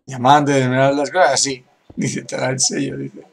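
A man's voice: mid-range voice, flat delivery, normal speed, gravelly, a little hiss or hum. A man from giving casual gameplay commentary, laughing often and reading other players' messages aloud. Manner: laughs often, reads out chat with "dice". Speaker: gaming youtuber.

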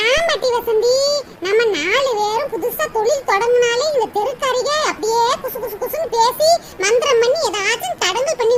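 Squeaky chattering village aunties, voiced by a woman. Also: very noisy. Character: gossiping older village women neighbors. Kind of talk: cartoon comedy voice acting.

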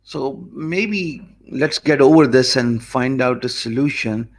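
With a gravelly, medium-pitched voice, this Pakistani man speaks slowly and easily, thinking aloud in a loose, conversational way. He's an online course instructor, an Urdu native speaker with a Pakistani English accent, live streaming to viewers from an indoor office room via a desk mic in front of him.

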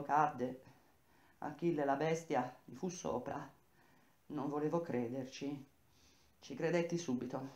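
A woman with a low voice reading a novel aloud in first person, intense and emphatic, slowing down on key words. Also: a little mellow. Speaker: reader of a novel. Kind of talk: dramatic literary reading. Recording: echoey room.

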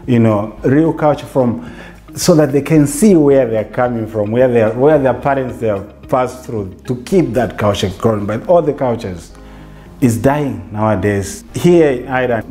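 In a bright living room, a Zambian man in his 40s who works as a theatre facilitator reflects on things during a laid-back interview. He has a mid-range voice and speaks with restarts, sprinkling in "you know."

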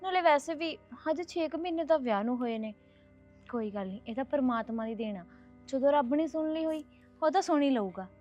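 An actress playing a patient young daughter-in-law who talks gently and reasonably, with a Punjabi accent. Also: female voice, sits high, animated, fairly quick, soft background music. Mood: reasoning.

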